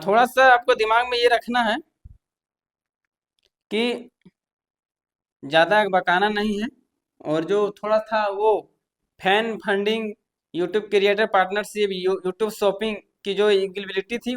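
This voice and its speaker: A man's voice: high voice, fairly bright tone. A man, a tech YouTuber, explaining things to viewers in a chatty, reassuring way, often repeating points and restarting sentences.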